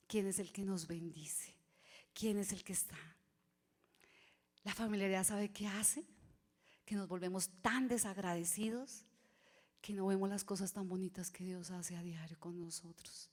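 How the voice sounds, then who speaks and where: A woman preaching a sermon in church, swinging between loud cries and hushed whispers. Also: lowish voice, steady tone, unhurried, long pauses. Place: church sanctuary.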